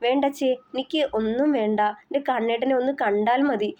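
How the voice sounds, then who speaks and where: A woman's voice: fairly high pitch, steady tone, normal speed, close to an everyday voice. A woman voicing an anguished young wife who pleads and prays for her husband, on a slightly dull recording. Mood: pleading.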